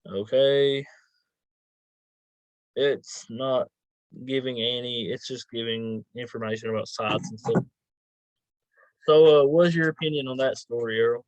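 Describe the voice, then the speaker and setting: A man's voice: medium pitch, measured pace, pauses often, a little mellow, dry recording. A man hosting a casual interview, reading out items and putting questions to his guest, on a lo-fi recording. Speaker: host, interviewer.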